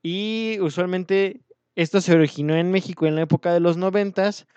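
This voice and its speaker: Joking Mexican man, higher voice, lo-fi. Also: steady tone, moderate pace, a little mellow, clear, resonant tone, no room sound. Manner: joking, slangy, reads definitions aloud. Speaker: podcast co-host. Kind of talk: casual chat.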